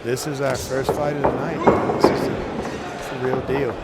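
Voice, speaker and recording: A man's voice: medium pitch, little pitch movement, moderate pace, roomy sound, very noisy. A man doing casual boxing color commentary, informal and enthusiastic, in short reactions. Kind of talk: casual live sports commentary. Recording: loud music and crowd behind.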